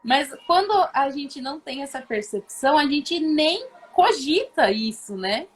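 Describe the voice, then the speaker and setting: Brazilian woman panel guest, high voice, chatty, agreeable. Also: very animated, measured pace. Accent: Brazilian Portuguese. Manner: chatty, frequent agreeing murmurs. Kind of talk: casual panel conversation.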